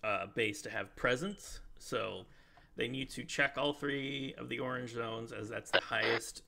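A man's voice: mid-range voice, unhurried. A man casually briefing players over gaming voice chat as game master, playful and fond of silly nicknames. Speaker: game master running a military game session. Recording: gaming headset with clear background noise.

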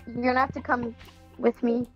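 A woman's voice: a little high, flat delivery, moderate pace, highs cut off, over music. A woman playing a co-op game from bed, talking bluntly and bossily through earbuds. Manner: blunt, bossy, swears. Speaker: co-op player. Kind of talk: casual co-op gameplay chat. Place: in bed at home. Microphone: AirPods.

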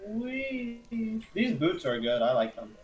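Higher-voiced curious gamer guy. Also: very animated, slow pace, low-quality recording. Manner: curious, profane, questioning. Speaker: co-player. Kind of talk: casual gameplay chat.

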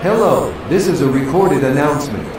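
A man's voice: a little high, expressive, normal speed, noisy background. A male automated voice reading a train announcement from spliced-together recorded words, stiff and clipped, with each place name pasted in separately. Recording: very echoey, distant, with music.

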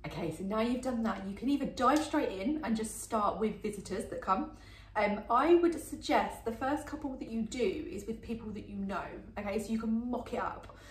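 A woman's voice: on the high side, normal speed. A woman teaching dog training at home, chatty, often saying "um" and checking "okay?" as she explains each step. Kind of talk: instructional demonstration. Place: home indoors. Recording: echoey room, voice from a distance.

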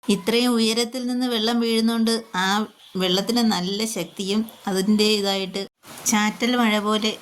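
A woman's voice: medium pitch, level tone. Woman vlogger mixing in English, noisy recording. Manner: Malayalam sprinkled with English words. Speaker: travel vlogger. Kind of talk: casual travel vlog narration. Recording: noisy outdoors, loud rushing water hiss.

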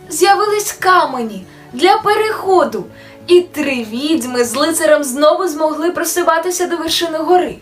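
High-voiced woman reading a fairy tale. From Ukraine. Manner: gentle, expressive storytelling. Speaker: storyteller. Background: soft music.

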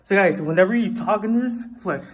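A man's voice: high-pitched, brisk, breathy edge, recorded from a distance. A man vlogging casually to his viewers, talking through a face mask, calling them guys. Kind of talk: casual vlog chat to camera. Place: outdoors on a busy city strip. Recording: loud music and crowd behind.

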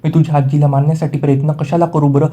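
A man reading the lines of a scheming middle-aged woman villain in a retold serial, flatly and with little change from his narration. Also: fairly high pitch, fast talker, lightly acted. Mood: plotting.

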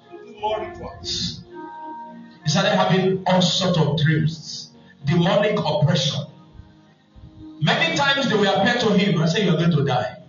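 A man's voice: high voice, recorded from a distance. A man with a Nigerian accent preaching a sermon as a pastor, telling funny stories as he preaches. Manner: humorous storytelling preacher. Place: church hall. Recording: echoey muffled church hall, faint music.

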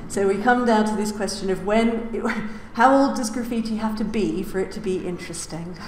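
A woman's voice: medium pitch, darkish tone. Woman lecturing in an echoey hall. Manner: many filler sounds, wry asides. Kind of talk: public lecture. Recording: roomy lecture hall reverb, faint hiss.

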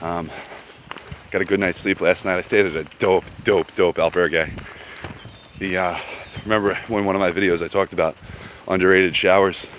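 A man with a low voice talks to his camera as he walks a woodland trail. His speech is relaxed and rambling, full of slang and fillers, with faint outdoor noise underneath. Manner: laid-back, rambling, slangy, many fillers. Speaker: vlogger walking a pilgrimage route. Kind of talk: casual walking vlog.

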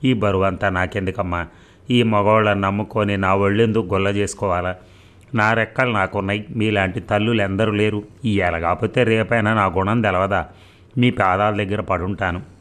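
A man's voice: fairly low pitch, fairly even intonation, moderate pace, a bit bright, natural voice. A man voicing a poor young mother who works as a servant, telling her troubles in a pleading, tearful way. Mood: earnest.

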